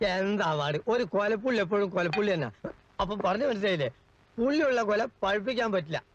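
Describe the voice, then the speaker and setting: An actor playing a talkative, quick-tongued middle-aged male house servant in a 1980s film comedy scene. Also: sits high, animated. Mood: boastful. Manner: quick-tongued, argumentative, comic. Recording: dull lo-fi film soundtrack.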